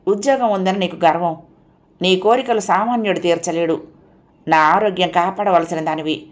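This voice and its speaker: Audiobook: a woman reads a bitter husband, cutting and accusing, low-set voice. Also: close to an everyday voice. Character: bitter young husband reproaching his wife.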